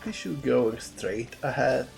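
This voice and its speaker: Faint music sits behind this Andalusian-accented Spaniard, a native Spanish speaker and game developer who streams his art while chatting casually, musing aloud and frequently repeating himself. He speaks slowly at a medium pitch, expressive and gravelly, with a slightly mellow quality.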